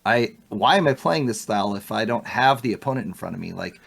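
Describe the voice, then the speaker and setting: Chatty man, lively and laughing. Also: lowish voice, quick pace, vocal fry. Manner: animated, laughs often, many restarts. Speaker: podcast guest. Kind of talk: casual interview chat.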